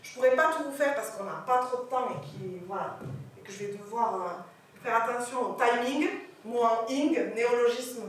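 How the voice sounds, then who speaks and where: A woman French teacher giving an animated lecture on pronunciation, checking in with her audience as she goes. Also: on the high side, moderate pace. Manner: animated, corrects pronunciation, asks the audience questions. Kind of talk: lively classroom lecture. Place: lecture hall. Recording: echoey hall from far off, faint hiss.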